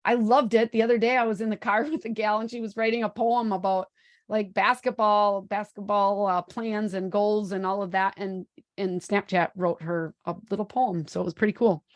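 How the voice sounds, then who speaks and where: A woman's voice: medium pitch, fairly even intonation, moderate pace, no room sound. A woman in her forties presenting a live webinar in an upbeat, chatty way, with plenty of ums, speaking into a computer microphone. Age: 40s. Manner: upbeat, chatty, many fillers.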